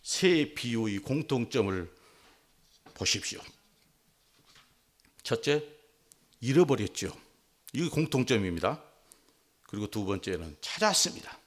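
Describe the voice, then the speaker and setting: A male pastor preaching a sermon in an animated way. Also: on the low side, unhurried, long pauses. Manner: animated, acts out quotes.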